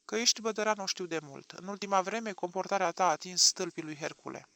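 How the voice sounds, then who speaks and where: A man's voice: high voice, vocal fry, bright, forceful tone, dry recording, heavily acted. A man voicing a sour middle-aged wife who answers coldly and scornfully. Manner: cold, scornful.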